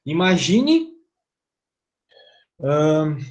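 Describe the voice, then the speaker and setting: A man's voice: on the high side, sing-song, extremely slow, darkish tone, highs cut off. A middle-aged Brazilian man teaching an online physics class, chatty, asking his students rhetorical questions.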